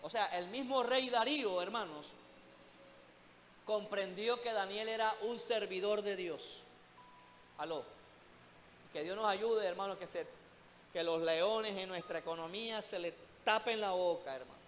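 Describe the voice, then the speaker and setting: A man's voice: high-pitched, a little slow, pauses often, a bit bright, big-room sound, slight background noise. A man preaching a sermon in a church, emphatic, repeatedly calling out to the congregation as brothers.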